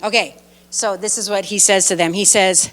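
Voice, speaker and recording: A woman pastor preaching a lively sermon, retelling scripture with animated storytelling and reading aloud while chatting with her listeners. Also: mid-range voice, moderate pace, in a large hall. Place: church sanctuary.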